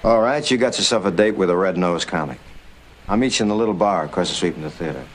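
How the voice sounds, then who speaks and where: A man's voice: sits low, fast, slight background noise, lightly acted, low-quality recording. An actor playing a weary male burlesque comedian who talks in dry, self-mocking wisecracks, in 1950s film dialogue. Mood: wry. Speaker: burlesque comic. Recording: 1950s film soundtrack with music.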